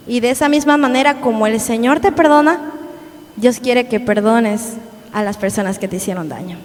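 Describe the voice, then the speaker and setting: A young woman preaching a sermon at a youth service, earnest and repetitive, often asking the congregation questions. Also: sits high. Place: church hall. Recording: long church hall reverb, faint background noise.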